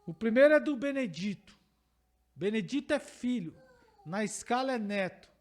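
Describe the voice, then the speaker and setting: A man with a Brazilian Portuguese accent preaches a teaching sermon in a strikingly high voice. He presses his points by repeating phrases and putting questions to the congregation. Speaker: pastor.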